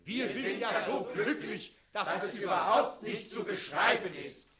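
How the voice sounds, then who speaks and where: An actor among a group of townsfolk in a radio play, chanting praise with forced, rote enthusiasm. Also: male voice, high-pitched, unhurried. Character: chanting male townsfolk hailing their ruler. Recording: echoey room full of crowd voices.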